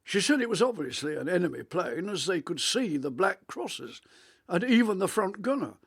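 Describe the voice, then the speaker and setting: A man, playing a rambling, reminiscing elderly grandfather on a video call in a radio monologue; his voice is rich and melodious, with halting restarts. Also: high-pitched, very animated, creaky, a bit bright, slightly rough, heavily acted. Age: 80s.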